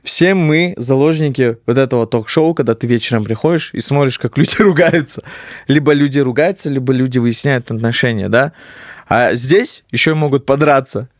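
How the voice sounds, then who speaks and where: A man's voice: medium pitch, moderate pace, no echo, studio quality. A man chatting casually about sport as a guest commentator, repeating phrases for emphasis. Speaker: guest commentator on MMA talk show.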